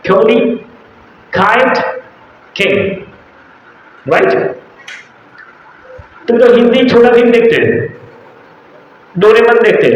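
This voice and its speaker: High-voiced Bengali man teaching a class. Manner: mixes English phrases into his talk, asks students questions. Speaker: spoken English teacher. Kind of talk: classroom lecture. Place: classroom with students. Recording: muffled echoey room recording with faint hiss.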